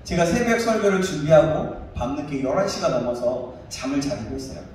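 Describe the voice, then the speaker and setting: A male pastor in his thirties preaching a sermon and telling a personal story with animated delivery. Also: a little high, fairly quick. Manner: animated storytelling, acts out his own shouting. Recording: echoey room, distant mic, faint noise.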